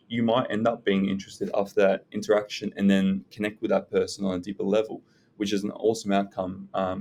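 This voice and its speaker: A man giving unscripted self-development advice as a content creator, speaking in a hesitant, halting way with pauses. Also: lowish voice, a little mellow, slight background noise. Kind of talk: unscripted advice talk to viewers. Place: indoors in a library.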